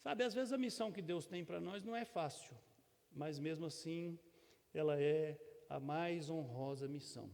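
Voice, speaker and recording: A man's voice: a little high, normal speed, gravelly, darkish tone. A middle-aged Brazilian man preaching a sermon as pastor, folksy and conversational, with touches of humor and frequent tag questions. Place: church sanctuary. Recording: long church reverb.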